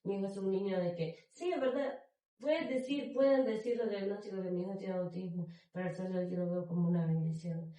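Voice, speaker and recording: A woman's voice: mid-range voice, brisk, warm tone. A woman in her twenties giving an earnest, emotional faith testimony in an interview, with many fillers. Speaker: testimony guest. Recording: echoey room, distant mic.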